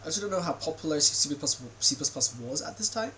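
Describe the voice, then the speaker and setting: A man's voice: on the high side, expressive, quick pace, pushed and bright, a little hiss or hum, poor audio. A man giving casual reaction commentary while watching a video, rambling with many fillers and restarts.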